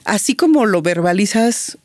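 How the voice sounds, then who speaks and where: A woman in her forties, speaking as a guest and recounting a personal story in a thoughtful way. She pauses often on fillers and restarts her sentences. The sound is close and dry, with no room around her. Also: medium pitch, animated, a little mellow, no room sound. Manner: reflective, many "este" fillers and restarts. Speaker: guest, business strategist.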